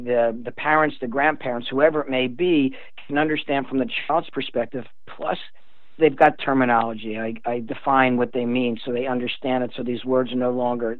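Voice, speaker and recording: Over a thin, tinny phone line, an older guest author speaks in a mid-range voice with a dry sound. He's explaining his points in an earnest, emphatic manner during a radio interview.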